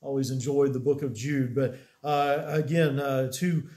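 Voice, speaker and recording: A man in his fifties, a pastor preaching a sermon after an opening prayer, unhurried with many pauses, in a small church room. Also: medium pitch, fairly even intonation, a little mellow. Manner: unhurried, many "uh" pauses, rising emphasis on key words. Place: small church room with a wooden cross on the wall.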